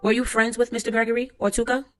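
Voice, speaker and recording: A woman's voice: a little high, flat delivery, fast talker, soft background music, pitched above the performer's own voice, close to an everyday voice. A woman reading as a methodical trial lawyer. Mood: formal. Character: courtroom lawyer questioning a witness. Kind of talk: transcript read-aloud.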